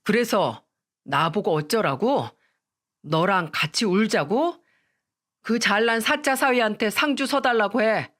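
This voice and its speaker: A woman's voice: medium pitch, lively intonation, unhurried, fairly bright tone. A woman voicing a scornful divorced man. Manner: scolding, curt. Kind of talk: storytelling radio.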